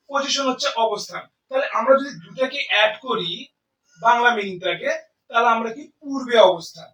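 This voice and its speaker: A man teaching English grammar to students in Bengali and English, explaining slowly and answering his own questions. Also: very high-pitched, fairly bright tone, roomy sound, distant mic, rough recording. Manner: explains slowly, asks and answers own questions, often says "ঠিক আছে". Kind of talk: classroom lecture in Bengali and English.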